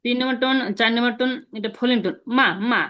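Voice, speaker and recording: A man's voice: extremely high pitch, flat delivery, fairly bright tone, clean tone. Patient man teaching sounds. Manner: patient, repeats sounds slowly for students to copy. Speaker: language teacher. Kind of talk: online language lesson. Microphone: video call.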